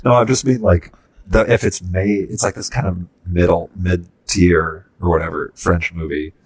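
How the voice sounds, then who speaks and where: A man's voice: low voice, steady tone, husky. A man co-hosting a casual film podcast, rambling through his points with many restarts. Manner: rambling, halting, many fillers. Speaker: podcast co-host.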